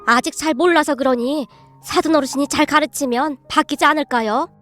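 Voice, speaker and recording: A woman voicing a soft-hearted, timid middle-aged mother-in-law in a storybook tale, speaking gently. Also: high voice, a little fast, soft background music. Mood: gentle.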